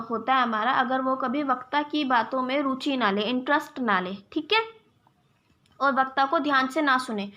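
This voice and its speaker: A woman's voice: high voice, bright, forceful tone. A young woman teaching an exam-prep lesson, explaining step by step and checking in with her viewers as friends. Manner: addresses viewers as "friends", gives examples.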